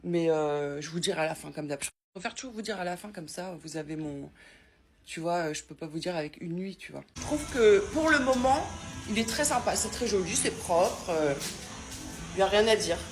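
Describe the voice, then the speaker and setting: A woman's voice: lowish voice, animated, normal speed, faint music behind. A woman vlogging casually from a hotel room, rambling and chatty with many fillers and restarts, recorded on a handheld phone. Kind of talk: casual travel vlog chat.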